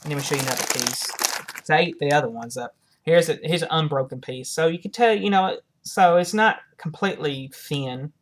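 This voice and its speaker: A woman with a low-pitched voice talks through a casual product review for her viewers. Her delivery is halting, as she repeats and rewords phrases while she goes. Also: a little hiss or hum.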